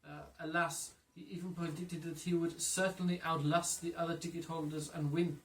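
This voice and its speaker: A man's voice: fairly high pitch, flat delivery, moderate pace, close to an everyday voice. A man reading as a polite elderly Frenchman. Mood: courteous. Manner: polite, formal, attempted French accent. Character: elderly Frenchman, the general's old friend. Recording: echoey room, mic far off.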